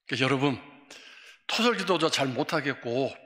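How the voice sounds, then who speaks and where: A man preaches a sermon with a forceful, ringing tone, his delivery swinging between emphatic bursts and hushed near-whispers. He sounds like a pastor working a congregation at a middle pitch. The long reverb of a church sanctuary trails behind every phrase. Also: animated, normal speed.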